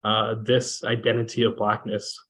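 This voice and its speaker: A man from Kenya moderating a panel discussion over a video call, talking in a measured way with many fillers. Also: on the low side, completely flat delivery, fairly bright tone, rough recording. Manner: measured, with frequent fillers and restarts.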